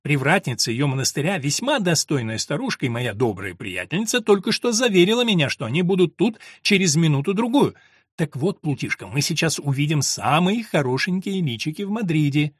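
A man's voice: on the high side, big pitch swings, a little fast, slightly rough, no echo, clean studio sound. A man voicing a worldly young courtier who teases his friend knowingly, in an audiobook. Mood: teasing.

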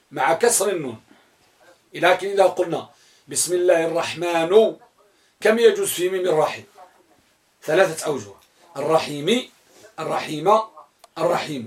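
A male teacher gives a grammar lesson to a room of students. His voice sits fairly high, and he fires questions at the class before spelling out the answers. He repeats key words slowly so they can be written down.

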